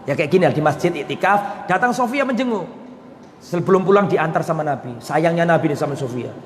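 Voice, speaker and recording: Male preacher, high voice, storytelling, asks the room questions, echoey hall. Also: fairly quick, slight background noise. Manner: lively storytelling, asks the audience questions, acts out quoted lines. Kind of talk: religious study lecture. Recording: echoey hall, faint ambience.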